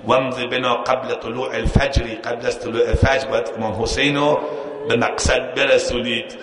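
Preacher, male, bright voice, echoey hall, storytelling sermon with chanted lines. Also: mid-range voice, little pitch movement, a little hiss or hum. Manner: storytelling with quoted dialogue and chanted verse, rising emphasis.

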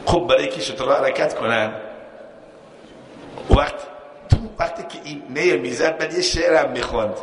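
A man's voice: medium pitch, long pauses, a little hiss or hum. Man preaching in an echoey hall. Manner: storytelling with quoted dialogue and chanted verse, rising emphasis. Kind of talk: sermon storytelling.

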